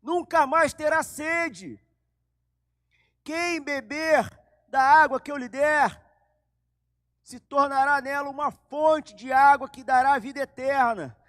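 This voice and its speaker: A man voicing a calm, solemn male teacher who speaks slowly and reassuringly. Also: high-pitched, no room sound, studio quality. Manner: slow, measured, reassuring.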